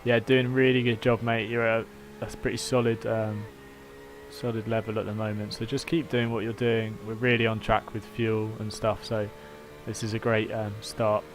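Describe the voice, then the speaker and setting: A man's voice: lowish voice, level tone, moderate pace, background noise. A man with a British accent in informal, matey livestream chat, giving race updates like a team engineer. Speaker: livestream host and sim racing team engineer.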